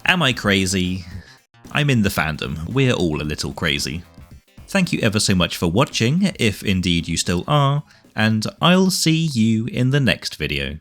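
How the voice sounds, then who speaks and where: A man's voice: fairly low pitch, very animated, unhurried, fairly bright tone. A man narrating a scripted game retrospective with wry, dry asides over background music. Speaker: video game reviewer and narrator. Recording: music behind the voice.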